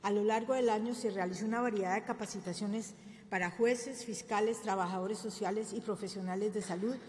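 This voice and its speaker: At a podium microphone in a government press room, an older woman delivers a formal conference talk, fairly quickly and with fairly even intonation. Her mid-range voice is slightly mellow, and she keeps using fillers and correcting herself. The room is reverberant, with faint ambience.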